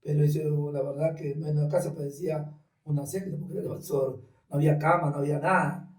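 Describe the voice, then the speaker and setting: A man's voice: on the high side, quick pace, far from the mic. A man tells his personal testimony in conversation, acting out the voices of others in his story. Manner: animated storyteller acting out dialogue. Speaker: guest giving testimony. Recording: roomy sound from off mic.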